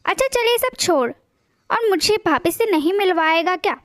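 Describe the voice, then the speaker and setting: Leering young male friend, voiced by a woman narrator, casual and flattering, dry sound. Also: very high voice, moderate pace, dry recording.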